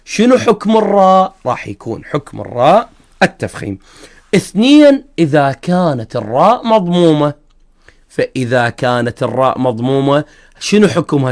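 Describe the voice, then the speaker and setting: Iraqi male recitation teacher, fairly high voice, methodical, stretches example syllables. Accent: Iraqi Arabic. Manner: explains step by step, drawing out example sounds. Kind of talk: religious lesson on recitation rules.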